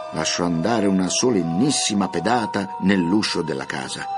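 A man narrating a classic children's tale with expressive, lively storytelling intonation. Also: lowish voice, husky.

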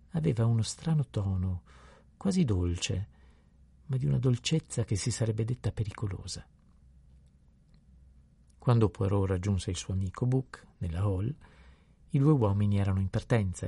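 A man reads a novel aloud in a calm, unhurried narration. His voice is low, dark and gravelly with a husky edge. The sound is dry and close. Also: dry recording. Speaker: audiobook narrator.

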